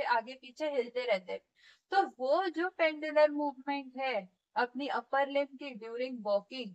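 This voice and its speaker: A woman's voice: high voice, dull audio. A woman teaching physiotherapy in a step-by-step classroom lecture, often checking in with her students and demonstrating movements as she explains.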